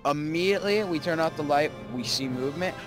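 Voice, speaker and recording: A man's voice: on the high side, brisk, over music. A young man telling a rambling story among friends, full of fillers. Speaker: friend on the stream. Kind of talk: casual storytelling.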